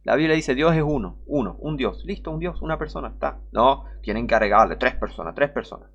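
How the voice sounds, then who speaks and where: A man's voice: medium pitch, expressive, fairly quick, gravelly, fairly bright tone, dull audio. A man with a Rioplatense Spanish accent who preaches an online sermon, emphatic and scolding, repeating his points and reading scripture aloud.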